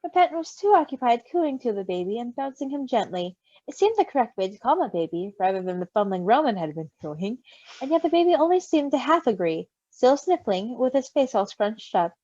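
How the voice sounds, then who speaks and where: A woman with a fairly high pitch reads fan fiction at a brisk pace, expressive throughout and breaking into gushing, giggly asides. No room sound is audible, and the close recording is dull and lo-fi.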